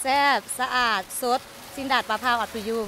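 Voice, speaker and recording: A young woman who owns a restaurant, answering interview questions in quick, matter-of-fact replies into a handheld mic outdoors at night. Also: a little high, steady tone, sharp tone, a little hiss or hum. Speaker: restaurant owner. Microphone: handheld microphone.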